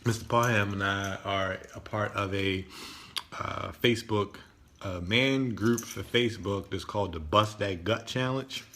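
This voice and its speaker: A man with a fairly low voice talks loosely to his live audience, still carrying his morning voice. He keeps it conversational and keeps tossing in "right?". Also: pushed and bright, a little hiss or hum. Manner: conversational, often tags lines with "right?". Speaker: live stream host. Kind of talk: casual live stream talk.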